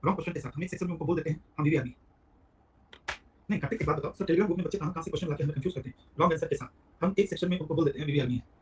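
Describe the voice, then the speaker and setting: A man teaching a live online tax class, talking quickly and calling on students by name. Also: fairly high pitch, fairly even intonation, slight background noise. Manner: rapid, chatty, addresses students by name. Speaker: GST teacher.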